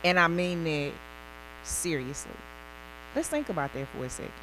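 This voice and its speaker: A woman giving a public presentation, speaking in deliberate, emphatic phrases and posing rhetorical questions. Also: low voice, very animated. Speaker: co-presenter, higher education speaker. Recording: clear electrical hum and buzz.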